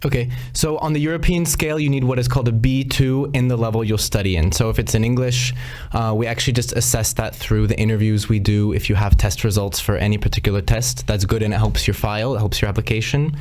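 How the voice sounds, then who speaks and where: American man, lowish relaxed voice. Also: fast talker, few pauses. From United States. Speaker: international staff and English teacher. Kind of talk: live online info session.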